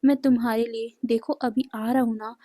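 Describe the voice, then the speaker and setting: A woman's voice: on the high side, flat delivery, moderate pace, warm tone, no room sound, lightly acted. A woman reading a coaxing, pouty young man in a storybook fan tale. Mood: pleading, pouting. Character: young man pleading with his lover.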